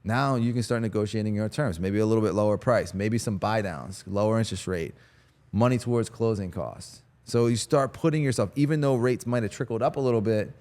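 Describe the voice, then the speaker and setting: A man's voice: lowish voice, fairly quick, a little mellow. A man hosting a casual chat outdoors on a golf course, upbeat and laughing easily, rambling through explanations. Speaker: host.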